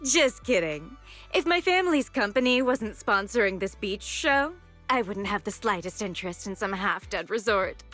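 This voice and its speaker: A woman's voice: medium pitch, lively intonation, normal speed, fairly bright tone, faint music behind. A woman playing a snobbish rich young heiress and sorority president in an anime game, condescending and mockingly polite. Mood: smug, disdainful.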